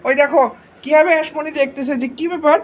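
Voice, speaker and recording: A young woman from Bangladesh speaks to her pet cats in a high, doting baby-talk voice. She coaxes them gently and switches to firm scolding when they misbehave. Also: fairly even intonation, fast talker. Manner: coaxing, doting and scolding by turns. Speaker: cat owner vlogger.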